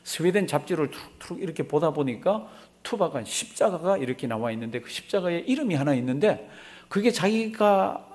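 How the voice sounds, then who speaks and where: A man's voice: sits high, darkish tone. A pastor preaching a sermon to his congregation at an immigrant church, telling a story and then building to emphatic preaching that repeatedly addresses the listeners. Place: Korean immigrant church in America.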